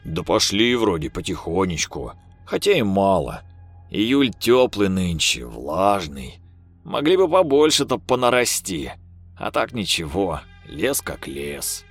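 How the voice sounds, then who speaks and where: A man reading a story, voicing a sober, stern older village man who speaks in a measured, grumbling way. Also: sits low, sing-song, soft background music, exaggerated voice. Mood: calm.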